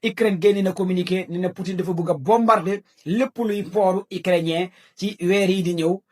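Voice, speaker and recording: A man's voice: sits high, fairly even intonation, normal speed. A man with a Senegalese accent giving breaking news commentary, repeating key phrases for emphasis.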